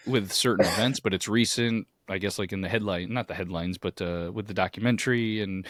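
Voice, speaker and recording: A man with a hoarse, grating voice from too much yelling, chatting casually as a podcast co-host. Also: on the low side, a little fast, no room sound.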